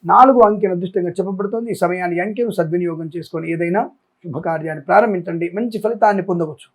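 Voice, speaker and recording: A man hosting a daily horoscope show as an astrologer, rattling off long lists and making emphatic appeals. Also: high-pitched. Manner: rapid listing, emphatic appeals. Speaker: astrologer and channel host.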